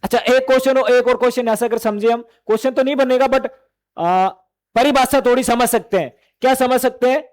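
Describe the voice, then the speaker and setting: A man with a very high voice teaches a class of exam students, asking questions and then answering them himself. He keeps calling the students beta and bhai. His tone is steady and he speaks a little fast.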